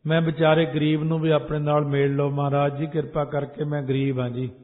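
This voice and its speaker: A man giving scripture exposition, slowly chanting verses and then explaining them in plain speech. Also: a little high, level tone. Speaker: Sikh preacher. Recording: echoey hall, tinny phone-like sound.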